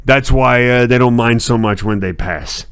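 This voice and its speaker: A man co-hosting a comedy stream, telling rambling absurd stories in a deadpan way. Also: medium pitch, normal speed, clean tone, no room sound, clean studio sound. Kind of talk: improvised comedy banter.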